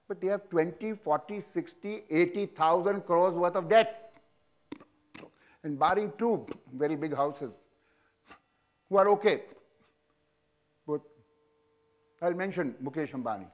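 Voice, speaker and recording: Animated Indian businessman in his seventies. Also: fairly high pitch, unhurried, long pauses. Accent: Indian English. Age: 70s. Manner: animated, frank, sweeping hand gestures, chuckling. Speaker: business leader guest. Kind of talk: on-stage interview. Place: auditorium stage. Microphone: lapel mic.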